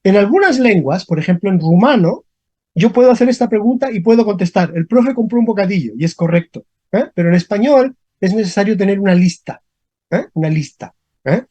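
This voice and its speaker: A teacher giving an online language lesson over a video call, speaking slowly, repeating example questions and often checking in with the class. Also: mid-range voice, lively intonation, warm tone, husky, no echo, muffled recording. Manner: slow, repeats questions, frequent checking tags. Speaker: Spanish grammar teacher.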